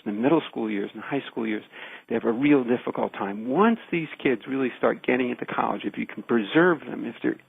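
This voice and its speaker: A man gives careful, emphatic explanations as a radio interview guest. His mid-pitched voice is gravelly and husky, and it comes through a narrow, phone-like line. He stacks short phrases to drive each point home. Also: no echo. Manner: deliberate, emphatic, builds points in repeated phrases. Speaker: research scientist, interview guest.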